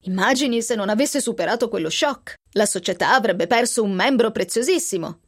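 A woman reading a novel aloud on the radio, raising her voice for the characters' lines. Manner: expressive reading, lifting pitch for quoted speech. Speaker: reader. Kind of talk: scripted narration of a novel. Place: radio studio.

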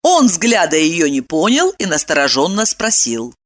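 A woman narrating a novel as an audiobook, in an expressive storytelling manner. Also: on the low side, moderate pace.

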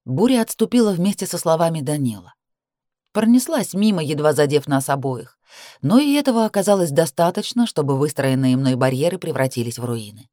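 A woman narrating a novel in the first person with tense, measured storytelling. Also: deep voice, expressive, dark tone, no echo, studio quality. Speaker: audiobook narrator.

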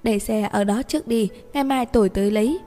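A woman voicing a patient young man who speaks softly and coaxingly. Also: fast, lightly acted. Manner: soft, low and patient. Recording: reverberant room with faint music.

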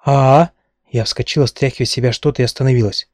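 A man reading a first-person novel aloud at a steady, measured pace. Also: medium pitch, slightly rough, no echo, studio quality. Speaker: audiobook narrator.

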